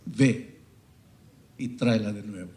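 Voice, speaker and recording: Preacher doing god giving orders, low and hushed, roomy church sound. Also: male voice, slow pace. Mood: stern. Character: stern, quiet divine male voice of God.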